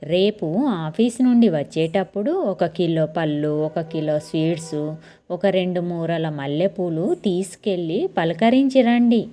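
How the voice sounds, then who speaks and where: A woman voicing a quick-tempered, jealous young wife who talks in a snappy, raised voice. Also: fairly low pitch, mellow, natural voice. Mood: sharp.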